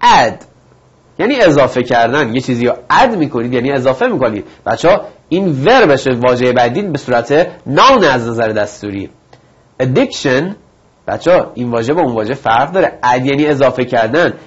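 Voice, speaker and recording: A man's voice: mid-range voice, big pitch swings, husky, dull audio. A male teacher giving a recorded vocabulary lesson, reading each word twice before explaining it and speaking directly to his students. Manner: reads each word twice, then gives its meaning; encouraging, addresses students directly. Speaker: English teacher.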